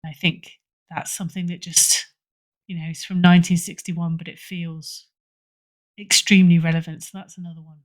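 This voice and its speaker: In casual interview chat on a podcast, a British horror fiction editor recommends stories, speaking at normal speed with a lowish voice and a level tone. She comes across as hesitant, keeps self-correcting, and repeats phrases for emphasis.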